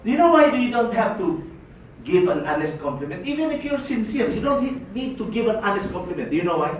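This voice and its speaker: In an echoey room with faint hiss, a distant male voice, high and swinging widely in pitch at a quick pace, belongs to a network marketing speaker from the Philippines. His motivational seminar talk is playful, full of laughter and repeated "no?" prompts to the audience.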